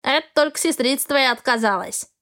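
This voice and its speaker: A woman's voice: high-pitched, fairly quick, sharp tone. A woman voicing a senile, grumpy old male raven in a storybook reading, indignant and scolding. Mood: confiding.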